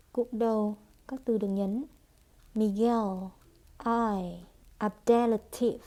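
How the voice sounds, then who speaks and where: A woman teaching English pronunciation, reading phrases aloud at a slow, unhurried pace. Her voice is soft and mellow. She models each phrase deliberately for students to repeat. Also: fairly high pitch. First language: Vietnamese. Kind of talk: pronunciation drill lesson.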